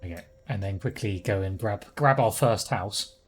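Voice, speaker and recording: A man's voice: lowish voice, normal speed, slightly rough. A man casually commentating on his live game stream, rambling with wry, chuckling asides.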